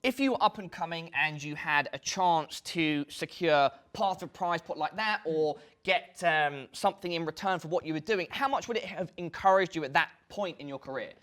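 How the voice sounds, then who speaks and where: A man's voice: a little high, normal speed, few pauses, a bit bright. A man co-hosting an esports news show, reading headlines and asking guests questions in a chatty, jokey way. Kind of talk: presenting news and interviewing.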